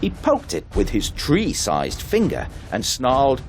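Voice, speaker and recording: A man narrating a fairy tale in an expressive, unhurried storybook reading. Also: mid-range voice, faint music behind.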